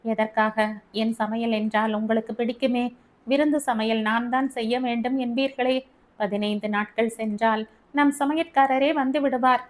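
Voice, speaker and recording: A woman voices a gentle young wife in an audiobook story, speaking in a soft, calm and pleading way. She stays patient under her husband's scolding. The voice is fairly high. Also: moderate pace, close to an everyday voice. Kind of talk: audiobook character reading.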